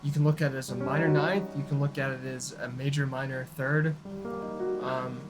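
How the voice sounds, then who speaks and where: A man, a guest in a casual music chat, explaining points in a relaxed way that often trails off softly. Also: mid-range voice, normal speed, poor audio. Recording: audible background hiss.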